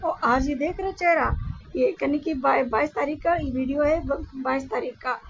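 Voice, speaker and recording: A woman's voice: high voice, normal speed, highs cut off, slight background noise. A woman with a Lucknow Hindi accent, talking casually to her viewers in a rambling, repetitive way while weak and in pain. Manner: rambling, repeats herself, tired and weak. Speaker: vlogger. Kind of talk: casual vlog talk to viewers.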